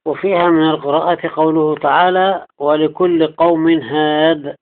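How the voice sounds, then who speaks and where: Male recitation teacher, slightly high voice; quick explanation, slow chanted verses; tinny phone-quality audio. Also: fairly even intonation. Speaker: teacher of Quranic recitation readings. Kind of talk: recitation lesson with chanted examples.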